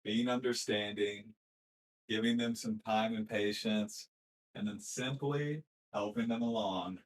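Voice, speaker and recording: A man's voice: on the low side, fairly even intonation, low-quality recording. Joking, foul-mouthed male gaming coach. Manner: profane, joking, mocking impressions; explains in quick, plain steps. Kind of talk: casual chat.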